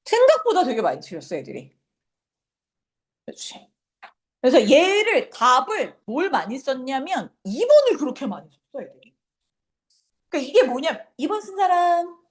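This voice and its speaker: Lively high-pitched woman teacher lecturing. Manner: brisk, scolding, drills students with rhetorical questions. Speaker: high school English teacher. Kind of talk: lecture to exam students.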